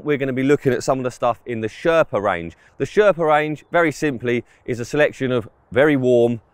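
A man with a medium-pitched, clean voice gives a casual, plain-spoken product review to camera, recorded on a close mic with no room sound. He presents fishing clothing reviews and is standing outdoors in an open grass field.

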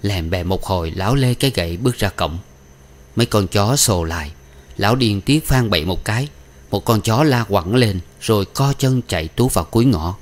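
A man narrating a novel as an audiobook reader, in a steady, even storytelling manner. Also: fairly low pitch.

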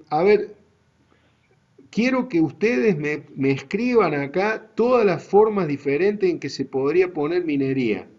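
Hombre argentino que da clase despacio, audio apagado. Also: male voice, a little high, a little mellow, muffled recording. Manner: slow, deliberate explaining to students. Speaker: university GIS teacher. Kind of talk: online class lecture.

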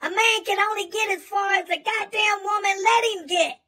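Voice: extremely high pitch, normal speed, bright, forceful tone, far from the mic. A performer voicing a profane male monkey who preaches blunt advice in a comic rant. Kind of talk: comedic monologue.

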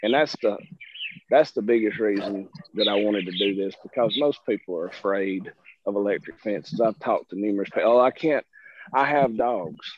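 A man's voice: fairly low pitch, normal speed. A middle-aged man with a Southern American accent, folksy and self-deprecating, chatting casually as a guest presenter on a video call. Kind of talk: casual chat. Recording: muffled video-call audio, faint hiss.

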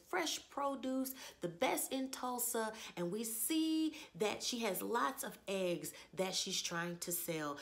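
A woman hosting a casual TV recap, chatty and upbeat, her voice worn from having lost it. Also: mid-range voice. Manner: chatty, upbeat, talks straight to viewers. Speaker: TV recap host.

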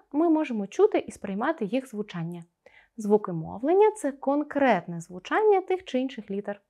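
Lively, expressive woman teacher. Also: a little high. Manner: careful, articulated pronunciation of sounds; expressive, explaining to pupils. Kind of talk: scripted video lesson.

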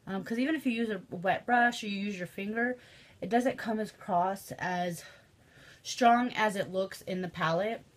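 A woman's voice: medium pitch, normal speed. A young woman with a Midwestern American accent and a stuffy, sniffly nose, chatting casually through a makeup tutorial with lots of ums and likes. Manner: chatty, filler-heavy, says um and like often. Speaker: beauty vlogger.

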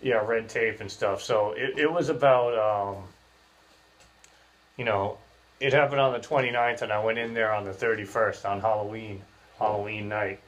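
Low-voiced man talking with jaw wired shut. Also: fairly even intonation, normal speed. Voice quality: clenched-teeth speech, jaw wired shut. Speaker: podcast host. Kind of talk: casual podcast chat. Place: small bare room, indoors.

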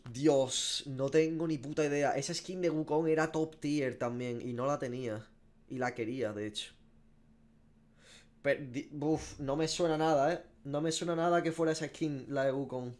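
A man in his twenties from Spain, with a Spanish accent, streams games from a small room at home, reacting with informal, slangy and sweary commentary while thinking aloud. His fairly high, slightly mellow voice stays fairly even at a moderate pace.

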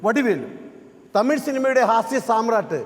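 A man compering a comedy stage show, announcing each act in a brisk way. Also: extremely high pitch, expressive, some chatter behind, slight background noise. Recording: echoey stage hall.

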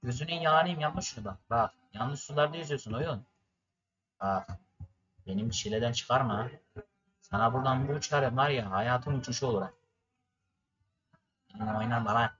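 A man's voice: mid-range voice, moderate pace, long pauses, a bit bright, muffled recording. A young man from Turkey commentating his racing game for viewers, ranting and cursing at it in frustration. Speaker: gaming streamer. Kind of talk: gameplay commentary.

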